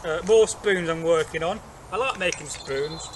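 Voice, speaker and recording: A man's voice: a little high, moderate pace. A middle-aged man with an East Midlands, Derbyshire accent, chatting casually as he shows and explains things. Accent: East Midlands English (Derbyshire). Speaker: co-host, Viking re-enactor and craftsman. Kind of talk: casual show-and-tell chat. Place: outdoors in a leafy garden. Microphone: camera a few metres away. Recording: outdoor noise, birds and distant traffic.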